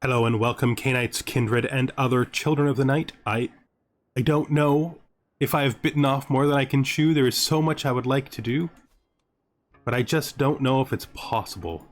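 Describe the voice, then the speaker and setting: Over background music, a man hosts a gaming series, mixing scripted intro narration with commentary in which he thinks aloud while playing. His voice is medium-pitched and moderately paced.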